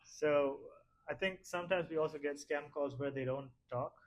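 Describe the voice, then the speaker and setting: A man's voice: fairly high pitch, moderate pace. A man presenting a live demo, explaining a voice-cloning tool in an easygoing way.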